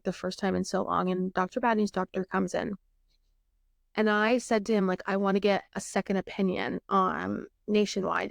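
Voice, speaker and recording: Gravelly-voiced woman telling an emotional story. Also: mid-range voice, no room sound, studio quality. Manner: emotional, candid, swears, reenacts dialogue. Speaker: podcast host. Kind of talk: casual podcast storytelling.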